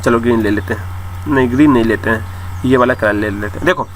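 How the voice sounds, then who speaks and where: A man's voice: mid-range voice, brisk, slight background noise. A male chemistry teacher, giving an online class lecture, explaining step by step and talking straight to his students with many repetitions.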